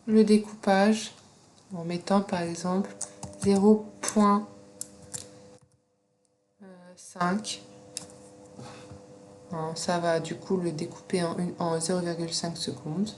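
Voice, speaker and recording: A woman with a non-native French accent walks students through a software tutorial at a slow, unhurried pace. She pauses often with fillers as she explains each step, recorded on a computer mic with faint background noise. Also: medium pitch, little pitch movement. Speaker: teacher.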